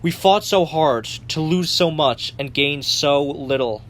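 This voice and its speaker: A man's voice: a little high, measured pace, fairly bright tone. A man voicing a frustrated young male soldier who sounds bitter and exasperated. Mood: bitter, defeated.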